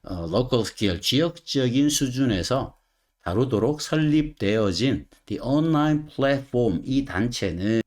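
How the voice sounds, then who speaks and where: A male English teacher talks through textbook sentences line by line, his pitch rising and falling in a lively way. He keeps stopping to ask the viewer questions before giving the answer. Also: slow. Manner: asks the viewer rhetorical questions. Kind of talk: explaining textbook sentences in a lecture.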